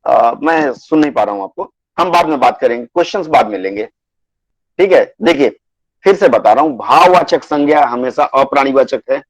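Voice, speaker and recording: A man teaching a Hindi grammar class online, patiently repeating rules and dictating word lists slowly. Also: mid-range voice, expressive, no echo, low-quality recording.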